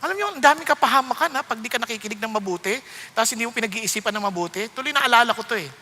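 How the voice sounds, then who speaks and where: Man preaching with animated storytelling voices. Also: very high voice, racing. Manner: animated storytelling, acting out voices of people in anecdotes; mixes English Bible quotes into Filipino preaching. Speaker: pastor. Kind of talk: sermon. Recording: hall reverb.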